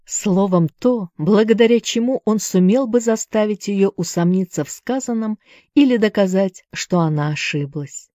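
A woman with a dark, mellow voice reads a novel aloud in steady scripted narration. The sound is dry and close, with no room around her. She leans into the dialogue with firm emphasis. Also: medium pitch, moderate pace, no room sound. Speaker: audiobook narrator.

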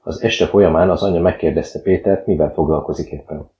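Male narrator, very low voice, calm even reading, slightly muffled, roomy sound. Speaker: audiobook narrator. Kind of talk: scripted narration. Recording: dull, roomy recording.

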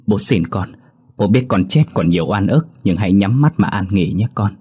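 A man voicing a gentle grieving father-in-law. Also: fairly low pitch, lively intonation, normal speed, slightly rough. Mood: pleading. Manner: soft, pleading, soothing.

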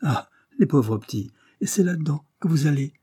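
A man's voice: a little high, lively intonation, moderate pace, dark tone, slightly rough, no echo, clean studio sound, pitched above the performer's own voice. A man voicing a fretful, devoted old servant woman who pleads and fusses. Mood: pleading. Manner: pleading, fussing.

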